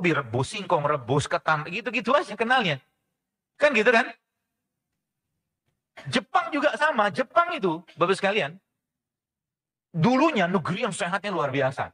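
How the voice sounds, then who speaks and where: A man preaching a lively sermon to a congregation, often asking questions and answering them himself, sometimes slipping in English phrases. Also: a little high. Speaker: preacher and physician giving a religious health talk.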